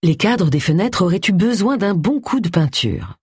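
An audiobook narrator reading a mystery novel in a measured, even storytelling voice. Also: medium pitch, slightly rough, no echo, clean studio sound. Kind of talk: scripted narration of a cozy mystery.

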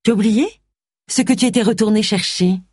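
A woman voicing a sharp-tempered, impatient middle-aged woman, with brisk, clipped questions. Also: medium pitch, no room sound, studio quality, voice pushed up, close to an everyday voice. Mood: needling.

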